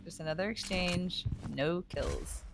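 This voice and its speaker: A woman's voice: fairly low pitch, measured pace, background noise. A woman co-casting a live video game match, adding dry, wry remarks. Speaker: esports co-caster. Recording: game sounds clearly behind.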